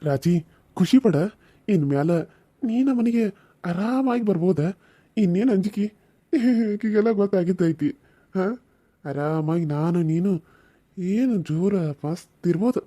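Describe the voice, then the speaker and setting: A cruel, scheming husband from a village cartoon serial, as a man acts him out, talking. His voice is dark and mellow at an ordinary pitch. He swings between hissed threats and soft coaxing. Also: animated, unhurried, long pauses. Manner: snarling threats, then softly coaxing to his lover.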